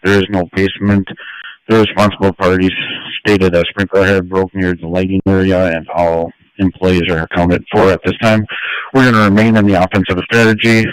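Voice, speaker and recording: A man's voice: deep voice, little pitch movement, normal speed, clear, resonant tone, no echo, low-quality recording. A man giving urgent firefighter radio traffic as an incident commander, instructing in procedural terms over a two-way radio.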